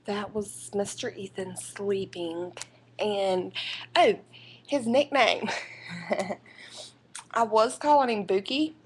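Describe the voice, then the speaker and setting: A young woman with a drawl talks slowly and unhurriedly, drifting from thought to thought with fillers and restarts. Her pitch sits in an ordinary middle range. She is at home, speaking into a computer's built-in microphone. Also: darkish tone. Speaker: vlogger and new mother. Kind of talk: casual rambling life update. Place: indoors at home. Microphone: computer webcam microphone.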